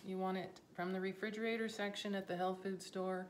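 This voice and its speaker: A health coach in her fifties casually walks through a recipe in her home kitchen, talking into a phone or camera on the counter as she works. Her medium-pitched voice is relaxed and unhurried, heard over a noisy background.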